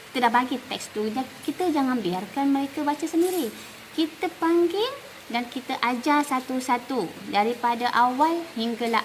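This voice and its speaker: A woman with a Malaysian accent explains a lesson in a fairly high voice, stopping often to repeat words slowly and with stress. A faint hiss of noise sits under her voice. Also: rough recording. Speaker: teacher. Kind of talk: instructional talk.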